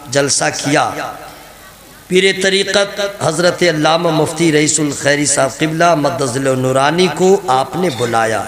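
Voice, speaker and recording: A man preaching a lively, humorous sermon to a gathering, addressing the crowd directly. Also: fairly high pitch, echoey room.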